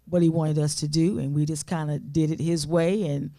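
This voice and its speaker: A woman's voice: low-pitched, flat delivery, moderate pace, warm tone, no room sound, studio quality. A woman author being interviewed on a talk show, speaking earnestly and often of faith and blessing. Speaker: author and guest.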